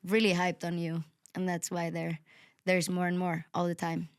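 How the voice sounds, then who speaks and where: A woman's voice: on the low side, monotone, normal speed, clean tone. A young woman hosting a podcast, talking enthusiastically and swearing casually. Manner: enthusiastic, swears casually, says "sick" a lot. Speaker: podcast host.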